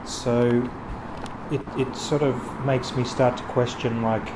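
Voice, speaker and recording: A man, a street photographer, telling a story to camera in a halting, rambling way, full of restarts and fillers. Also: medium pitch, little pitch movement. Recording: street noise and traffic behind.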